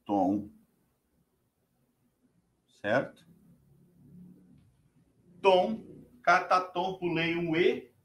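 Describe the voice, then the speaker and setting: A man's voice: sits high, sing-song, drawn-out words, pauses often, fairly bright tone, roomy sound. A Brazilian man teaching guitar, chanting strum patterns in syllables and counting beats aloud. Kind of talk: spoken guitar lesson with rhythm syllables. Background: guitar playing.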